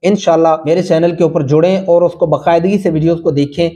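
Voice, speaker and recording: A man's voice: fairly high pitch, steady tone, warm tone. A man teaching Quran reading, spelling out letters and vowel marks patiently and chanting the words drawn out. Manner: slow, patient drilling, sings recited phrases drawn out.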